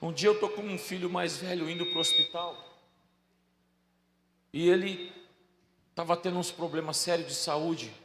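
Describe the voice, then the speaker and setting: A middle-aged man, preaching a sermon as a pastor, telling stories that swing from soft asides to loud bursts. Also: fairly high pitch, steady tone, normal speed, pauses often. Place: large church hall. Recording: echoey hall with faint ambience.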